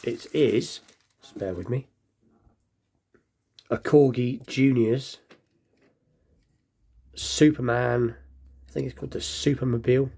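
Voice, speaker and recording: Slow and full of long pauses, this mid-range, dark-toned voice carries vocal fry. It belongs to a diecast collecting show host giving a casual, rambling, understated show-and-tell, with a faint lisp like he just bit his tongue.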